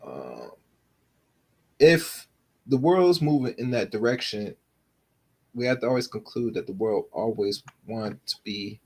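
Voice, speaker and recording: A man's voice: lowish voice, a little mellow, breathy edge. A man in casual chat, rambling with lots of fillers while making his argument.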